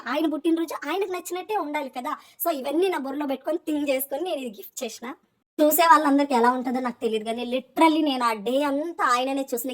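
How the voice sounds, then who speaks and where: A young woman with a Telangana Telugu accent narrates a family story in a chatty vlog voice-over, slipping English words in as she goes. Her voice sits high, and she races through her sentences at a very quick clip. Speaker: vlogger.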